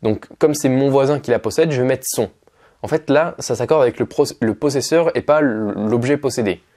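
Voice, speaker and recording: A man teaching Russian in as a casual video lesson, patient and unhurried, with frequent fillers as he spells words out. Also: mid-range voice, mellow.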